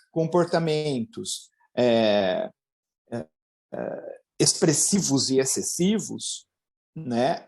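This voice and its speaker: A man's voice: fairly high pitch, darkish tone. Man explaining with frequent tag questions. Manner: ends phrases with tag questions, acts out everyday quotes. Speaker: psychologist guest. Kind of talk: explanatory interview answers.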